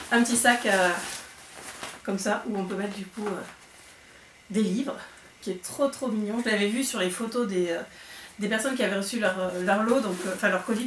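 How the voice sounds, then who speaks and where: A young woman chatting excitedly through an unboxing vlog, with lots of fillers. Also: medium pitch, normal speed, echoey room, distant mic, a little hiss or hum. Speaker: book vlogger.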